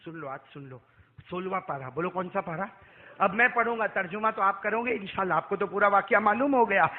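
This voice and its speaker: A man preaching a storytelling sermon, swinging from loud calls to hushed asides, asking the crowd to answer and chanting verses. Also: high voice, narrow, tinny audio.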